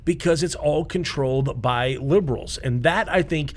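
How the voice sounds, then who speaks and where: A man pitched a little high argues hard in a studio podcast debate. He presses his points with one rhetorical question after another, in a casual talk-show register. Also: normal speed. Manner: emphatic, fires rhetorical questions. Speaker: podcast co-host.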